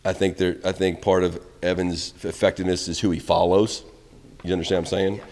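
Middle-aged male coach, deep low voice, candid rambling answers, reverb in the press room. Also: flat delivery, brisk, a little hiss or hum. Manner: candid, rambling, trails off quietly at ends of answers. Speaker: college baseball head coach. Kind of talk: postgame press conference. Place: press room in front of a backdrop. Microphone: reporters' phones and handheld mics held close.

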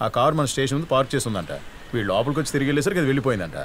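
A man's voice: mid-range voice, expressive, racing, fairly bright tone, a little hiss or hum, close to an everyday voice. An actor playing a dutiful male police constable in a dubbed film, deferential to his superior and bossy with underlings. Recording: roomy echo.

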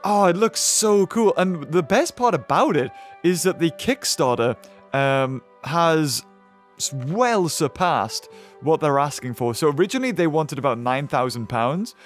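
A man's voice: fairly high pitch, expressive, measured pace, faint music behind. A young man with a sore throat, casually commenting on a game he is playing and reacting aloud to what happens on screen. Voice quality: rough, hoarse from a sore throat. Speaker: gaming video host.

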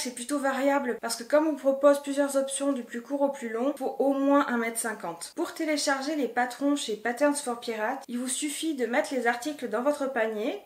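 A woman hosting a sewing channel, methodically listing pattern details in a casual, clear way. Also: on the high side, roomy sound.

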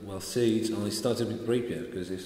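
Speaking English with an Italian accent carrying a hint of Scottish, a sword maker in his thirties from Italy gives relaxed, casual interview answers while gesturing. His voice is lowish at normal speed. The far camera picks him up in a big bare hall indoors, with echo and faint background noise.

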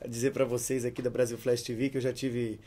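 Young Brazilian singer, mellow voice. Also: male voice, medium pitch, fairly quick. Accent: Brazilian Portuguese. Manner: relaxed, chatty, with many fillers. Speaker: singer and songwriter, interview guest. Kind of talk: interview answers. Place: hotel room studio set.

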